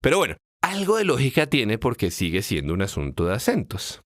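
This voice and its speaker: A man narrates an explanatory lesson in a playful storytelling way. His pitch rises and falls with a lot of life. The recording is dry and close, with no room sound. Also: brisk, no room sound. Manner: lively, playful storytelling with acted dialogue. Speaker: educator explaining Spanish accent marks.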